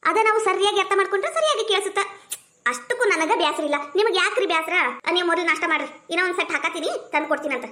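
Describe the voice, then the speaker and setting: A woman with a North Karnataka Kannada accent, bantering quick-tongued in a village comedy skit. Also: very high voice, expressive, bright, forceful tone, reverberant. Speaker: comedy skit actor and channel host.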